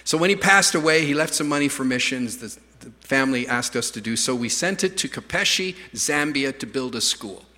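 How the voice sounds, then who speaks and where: A man's voice: medium pitch, lively intonation, fairly quick, few pauses, bright, forceful tone. A middle-aged man preaching a storytelling sermon, rambling through anecdotes with stammering restarts and self-deprecating humor. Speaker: pastor. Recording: reverberant church hall.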